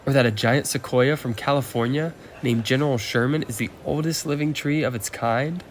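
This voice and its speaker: A man voicing a bright green male engine who is earnest and literal and recites facts, in a fan audio drama. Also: mid-range voice, normal speed, a little hiss or hum, close to an everyday voice.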